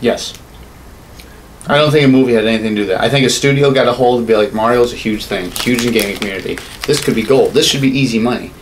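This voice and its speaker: Talking fast in a mid-range voice, this man in his thirties co-hosts a podcast, chatting casually and opinionatedly about films and games. He rambles and curses often, and clear room noise comes through from the small home studio indoors.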